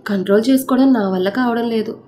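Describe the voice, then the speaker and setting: A woman's voice: fairly high pitch, fast talker, warm tone, slight background noise, lightly acted. A woman storyteller voicing a rich, arrogant young man who teases, then makes blunt proposals. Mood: teasing.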